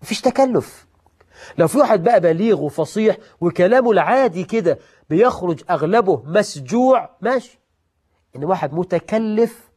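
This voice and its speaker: A man preaching in Egyptian Arabic, swinging between loud emphatic lines and soft asides, and slowing down to recite scripture. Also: on the high side, slightly rough. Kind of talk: sermon on prayer etiquette.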